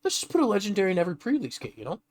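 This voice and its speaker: A man co-hosting a casual gaming podcast, telling stories animatedly and jumping high when he acts out reactions. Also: huge pitch swings, very fast. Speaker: podcast co-host.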